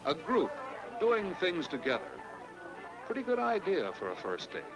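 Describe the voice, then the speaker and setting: A man's voice: high-pitched, huge pitch swings, moderate pace, lo-fi sound, music in the background. A man narrating a 1950s educational film in a friendly, instructive manner.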